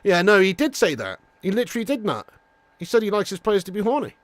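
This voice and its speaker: Jokey man, fairly high voice. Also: big pitch swings, fast talker, no room sound. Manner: jokey, chatty, mock-insistent. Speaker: football watch-along host. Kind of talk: casual live commentary.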